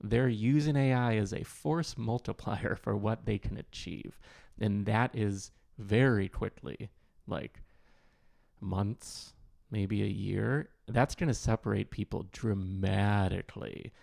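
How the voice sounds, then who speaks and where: A man's voice: lowish voice, slow, gravelly, a little mellow, dry recording, studio quality. A man co-hosting a podcast in casual chat, explaining ideas through analogies with lots of "like". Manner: explains with analogies, many "like" fillers. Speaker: podcast co-host.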